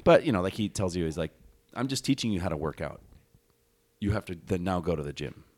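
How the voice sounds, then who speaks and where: A man's voice: low-pitched, animated, fast talker, darkish tone, no room sound. A man from Hawaii, a podcast guest telling rambling stories full of fillers and restarts. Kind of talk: casual podcast chat.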